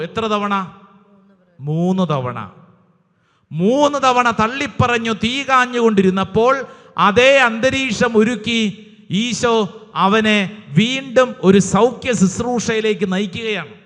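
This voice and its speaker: Priest preaching to a crowd, high tenor, call-and-response, big hall reverb. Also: male voice. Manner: call-and-response, urging the crowd to shout hallelujah; retells Bible passages and stories with dramatic repetition. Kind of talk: sermon. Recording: long reverb of a large hall.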